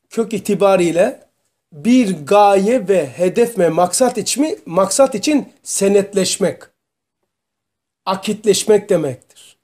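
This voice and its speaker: A man teaching a religious study group, explaining terms slowly and asking his students questions. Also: high voice, a little mellow. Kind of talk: religious lesson to a small group.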